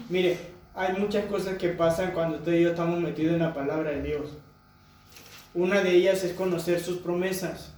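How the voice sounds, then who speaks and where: A man's voice: high voice, a little mellow. A man preaching a sermon to a congregation, asking them rhetorical questions. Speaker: pastor. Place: church hall. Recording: echoey church hall from far off.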